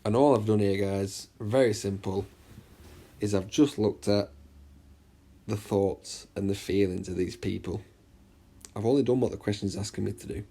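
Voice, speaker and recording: A man teaching an exam revision lesson in a chatty way, often checking understanding and reading the extract aloud slowly. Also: on the low side, warm tone, slightly rough. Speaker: English literature teacher.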